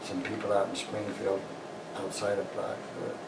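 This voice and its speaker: An older American man, a veteran, remembering his past in an interview in a halting, plain-spoken way. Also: on the low side, level tone, vocal fry. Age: older, 60s or above. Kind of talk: personal reminiscence in an interview. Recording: roomy, distant mic, noisy background.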